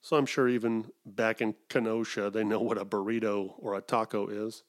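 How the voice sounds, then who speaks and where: A man's voice: on the low side, flat delivery, moderate pace. Rambling middle-aged man podcasting solo. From Wisconsin. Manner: digressive, self-mocking, with put-on voices. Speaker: podcast host.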